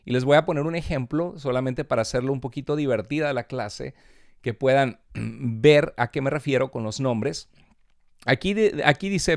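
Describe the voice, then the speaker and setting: A man teaching a seminary Bible class, explaining patiently and reading out Hebrew and Greek words slowly. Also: medium pitch, smooth, no room sound, clean studio sound.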